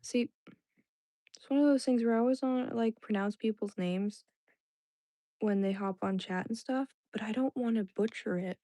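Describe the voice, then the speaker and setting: Here a young woman whose first language was Indonesian hosts a livestream, talking loosely with viewers in chat and leaning heavily on "like," filler words and false starts. She speaks with a fairly high, mellow voice at a moderate pace, captured in clean studio sound without echo.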